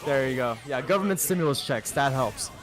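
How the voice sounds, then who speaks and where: A man in his thirties provides casual commentary on a fighting game tournament stream, full of crude jokes and playful banter. His voice is mid-range, with lively intonation, and he talks fairly quickly.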